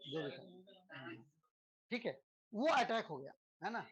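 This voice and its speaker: An Indian man with a high, husky, sing-song voice teaches physics slowly in a conversational lecture style. He constantly checks in with tag questions and uses rhetorical questions and everyday examples. The audio sounds dull.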